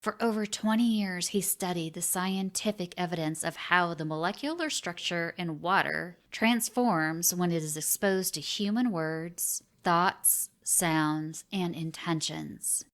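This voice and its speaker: A woman presenting a spiritual self-help lesson in a deliberate, earnest manner, stressing key phrases as a teacher would. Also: on the low side, fairly bright tone.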